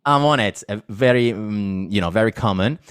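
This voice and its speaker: A man's voice: lowish voice, moderate pace, a bit bright, clear, resonant tone. A man with an Italian accent hosting an interview, asking questions with enthusiasm and laughing often. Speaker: podcast host. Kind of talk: casual interview chat.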